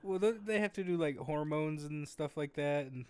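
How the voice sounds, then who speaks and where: Chuckling podcast co-host, higher voice. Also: male voice, crowd noise. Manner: laughs often, agreeable, quick backchannel replies. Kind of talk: casual podcast chat.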